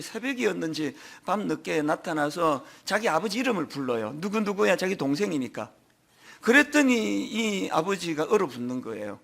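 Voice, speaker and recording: A middle-aged man preaching a sermon as pastor, telling stories with emphatic swings in pitch and loudness. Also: vocal fry. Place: large church sanctuary.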